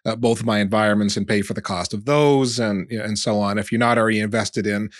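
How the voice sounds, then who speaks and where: A man's voice: fairly low pitch, steady tone, fast, no room sound, studio quality. A man on a tech podcast panel, talking casually and making his points with rhetorical questions. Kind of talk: casual opinionated tech discussion.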